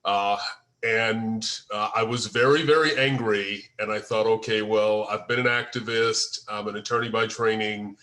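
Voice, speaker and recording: An American screenwriter and first-time filmmaker speaks hesitantly on an online group video call, often searching for words as he discusses his writing informally after a table read. His voice is lowish and bright with a forceful tone, fairly even intonation, and a normal speed.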